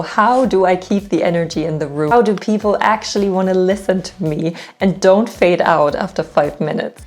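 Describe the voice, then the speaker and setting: A woman giving an instructional talk to camera as a public speaking coach, with clear, direct, deliberate delivery and emphatic phrasing. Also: on the low side, darkish tone.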